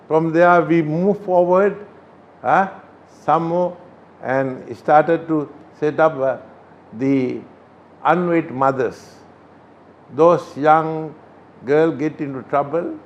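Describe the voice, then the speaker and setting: An older man from Sri Lanka, a Buddhist chief priest, answering interview questions in a halting way with many pauses. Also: a little high, a little hiss or hum. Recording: slightly dull recording.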